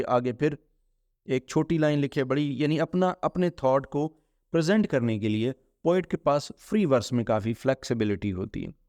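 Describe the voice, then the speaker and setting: Smooth-voiced male literature lecturer. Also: on the high side, a little mellow, no room sound, clean studio sound. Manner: mixes Hindi-Urdu with English, reads English passages slowly and deliberately. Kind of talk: classroom lecture.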